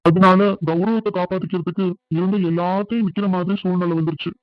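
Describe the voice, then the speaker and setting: An earnest, middle-aged village family man in a cartoon, played by a man. His voice sits fairly high for a man and carries a plain, conversational manner. The recording is dry and a bit dull, like a lo-fi studio dub. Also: fairly even intonation, fast, no room sound, close to an everyday voice. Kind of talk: cartoon dubbing.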